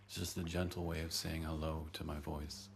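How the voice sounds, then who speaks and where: A man guiding a breathing and voice meditation, giving soft, gentle, unhurried instructions between long audible sighs. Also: extremely low pitch, little pitch movement, gravelly, noisy background. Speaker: breathwork and voice teacher.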